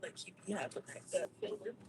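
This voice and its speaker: A woman's voice: mid-range voice, huge pitch swings, fast talker, slight background noise. A woman chatting casually as a livestream companion in a car, in a teasing, affectionate and slangy way. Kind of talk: casual chat. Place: inside a moving car.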